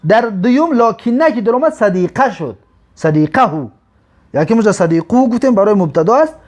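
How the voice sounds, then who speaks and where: A man teaching an Arabic grammar lesson, drawing out example words slowly between quick explanations. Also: high-pitched, lively intonation, darkish tone. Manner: slow drawn-out example words, quick asides.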